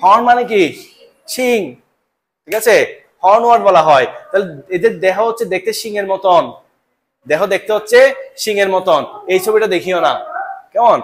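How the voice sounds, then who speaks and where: High-voiced man teaching. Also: moderate pace, long pauses. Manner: repeats terms and keeps checking understanding. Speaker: biology teacher. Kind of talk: live classroom lecture.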